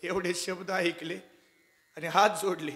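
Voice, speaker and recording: A man preaching a devotional kirtan sermon, loud and emphatic, joking and calling out to the audience. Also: sits high, little pitch movement, unhurried.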